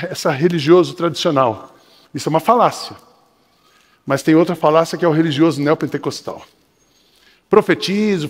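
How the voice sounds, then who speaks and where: An older man with a Brazilian Portuguese accent preaching a sermon in church, swinging between shouting and lowered, urgent tones. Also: vocal fry, long reverb tail. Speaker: pastor. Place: church sanctuary.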